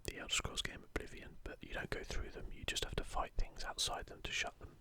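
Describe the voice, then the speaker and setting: An art book gets paged through and discussed in a gentle ASMR whisper, unvoiced and unhurried. The video host keeps her tone hushed and informal throughout.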